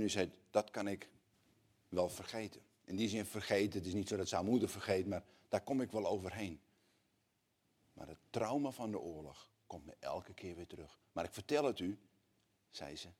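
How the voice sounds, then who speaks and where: A man preaching a sermon, moving between quiet, slow, earnest passages and loud, rising appeals to the congregation. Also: on the low side, breathy edge.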